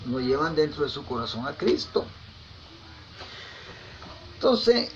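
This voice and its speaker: A man preaching in a gravelly, fairly high voice, telling folksy anecdotes and dropping tag questions as he goes. He often repeats and restarts his words. The recording is a little dull and lo-fi, with faint ambience behind him. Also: a little hiss or hum. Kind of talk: conversational sermon.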